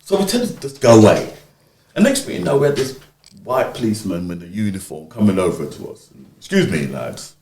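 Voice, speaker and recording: Animated storytelling man in an echoey room. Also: lowish voice, fast, a little hiss or hum. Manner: animated, acts out quoted speech. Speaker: interviewee, community organiser. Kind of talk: conversational storytelling.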